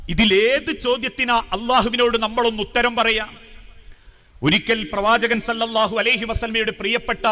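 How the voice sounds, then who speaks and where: A Malayali-accented male preacher with a strikingly high, bright voice delivers an impassioned sermon. He swings between soaring emphasis and hushed, tearful lows. His voice rings with a long reverb, as in a large hall. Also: fairly even intonation, normal speed. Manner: impassioned, dramatic swells and hushed drops. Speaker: Islamic preacher. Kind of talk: emotional sermon storytelling.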